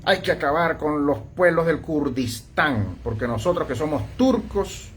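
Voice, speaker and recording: A man's voice: a little high, expressive, measured pace, a little hiss or hum. A man preaching an online sermon, confrontational, who keeps prodding the listener with short questioning grunts and mocks opponents by imitating them. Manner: confrontational, repeatedly addresses listener with "¿mm?" and "¿ah?"; mocks opponents by acting out their voices.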